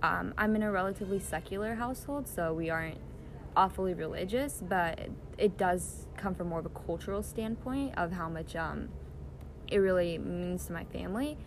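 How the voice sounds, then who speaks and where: A young woman with a lower, gravelly voice answers questions earnestly, leaning on fillers as she thinks. She is recorded on a phone outdoors in a backyard. Clear hiss runs under her voice. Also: normal speed. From Israel, raised in the US. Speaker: interviewee. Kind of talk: casual interview answers.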